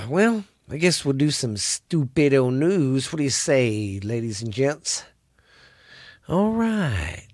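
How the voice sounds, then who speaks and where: With a sing-song lilt at medium pitch, the podcast host drawls slowly in his Texan accent, rambling easily and swearing liberally while sounding stuffy. The studio sound is clean, with no trace of the room.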